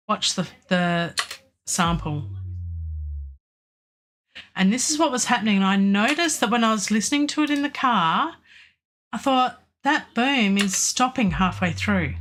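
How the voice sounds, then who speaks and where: On a live music-production stream, an Australian woman chats loosely about mixing a track, full of ums and false starts. Her mid-range voice has a fairly bright tone over slight background noise, though it's worn and weak from a lingering cough after a virus.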